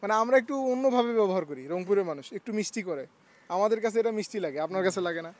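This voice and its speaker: A man from Rangpur with a Rangpur Bengali accent, running a quick, teasing casual street interview outdoors. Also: high voice, animated. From Rangpur, Bangladesh. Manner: quick, teasing, laughs often.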